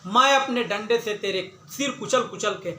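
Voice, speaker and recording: A man's voice: sits high, animated, unhurried, a little hiss or hum, full character voice. A man telling a religious story, voicing an angry, threatening hunter in a raised voice. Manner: loud, threatening. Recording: echoey room.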